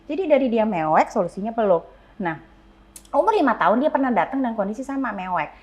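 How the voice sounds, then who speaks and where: Brisk middle-aged woman, counselor guest on a chatty podcast, higher-pitched and lively, sprinkles English into her speech. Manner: animated explainer, mixes English words into speech. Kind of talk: casual podcast explanation.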